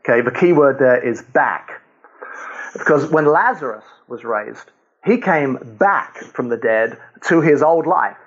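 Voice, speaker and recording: An older man appears as a guest author, chuckling often as he talks through his thoughts on faith and fatherhood in an easygoing, conversational manner. His mid-range voice is a bit rough, and the recording has its highs cut off.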